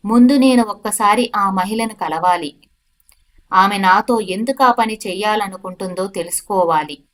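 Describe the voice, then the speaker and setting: A woman voicing a hardened male death-row prisoner who speaks in loud, forceful declarations in a storytelling. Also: mid-range voice, normal speed, natural voice. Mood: defiant.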